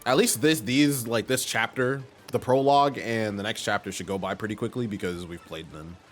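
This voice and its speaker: A man's voice: lowish voice, normal speed, faint music behind. A man streaming a game playthrough, making joking, sarcastic asides. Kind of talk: let's play commentary.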